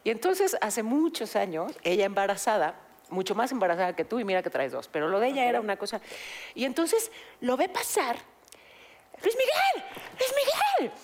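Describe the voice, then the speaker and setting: A woman telling an anecdote in casual chat as a co-host, with playful acted-out shouting of quotes. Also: medium pitch, brisk. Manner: lively storyteller, shouts out quoted calls. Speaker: podcast co-host.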